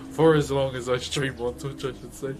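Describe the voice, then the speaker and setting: A man's voice: mid-range voice, fairly even intonation, moderate pace, over music. A man with a broad New Zealand accent chatting casually to viewers as a live streamer, laid-back and slangy. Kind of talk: casual livestream chat with viewers.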